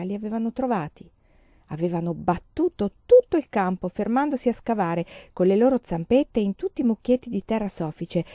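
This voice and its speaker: A woman reading a children's novel aloud in a calm, measured storytelling manner. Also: medium pitch, no room sound, muffled recording. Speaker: reader. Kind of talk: audiobook narration.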